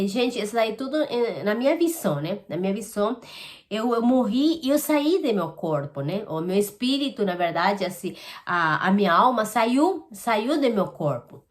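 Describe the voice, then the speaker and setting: A woman giving a personal spiritual testimony, earnest and halting, with many restarts. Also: a little high. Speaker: testimony giver.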